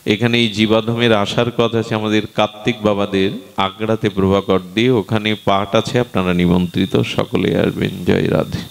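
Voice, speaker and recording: A man's voice: steady tone, moderate pace, creaky, long reverb tail. A man preaching a devotional sermon, telling a sacred story with impassioned rises and chanting verses in melody. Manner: impassioned, rising to high emotional peaks.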